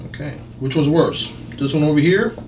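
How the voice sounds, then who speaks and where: A man with a higher-pitched voice speaks at a moderate pace while working as a chiropractor. He leads a patient through an examination with quick questions and brief explanations in an indoor clinic. The sound is roomy and noisy, from a distant microphone.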